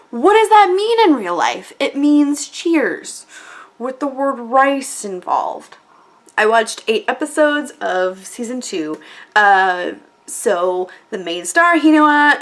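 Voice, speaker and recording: A woman with a high voice delivers a casual comedy review. She rambles along tipsily, her pitch swinging widely, and dramatically acts out reactions. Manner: animated, tipsy, rambling. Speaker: anime reviewer.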